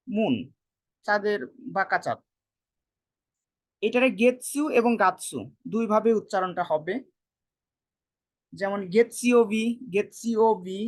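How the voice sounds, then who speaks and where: A teacher giving a casual spoken lesson, repeating each word and explaining it slowly in speech. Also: medium pitch. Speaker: Japanese language teacher.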